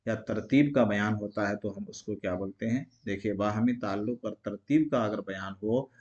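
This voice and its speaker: A man's voice: on the low side, moderate pace, a little mellow, muffled recording. A man teaching an exam-prep grammar lesson, asking each question aloud and answering it himself in a repetitive call-and-response way.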